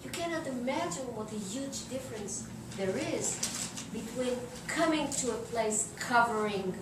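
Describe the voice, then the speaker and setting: A middle-aged woman with an Israeli accent tells personal anecdotes in an informal interview, halting and searching for words. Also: a little high, expressive. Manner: halting, searching for words in non-native English. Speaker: journalist being interviewed. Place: indoors in a living room, seated on an armchair. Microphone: distant camera microphone. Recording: roomy, noisy recording from a distance.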